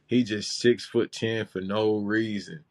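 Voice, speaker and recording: A man's voice: fairly low pitch, fairly even intonation, slow pace, darkish tone. A man from Los Angeles co-hosting a casual chat show, talking loose and slangy with lots of restarts. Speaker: podcast co-host.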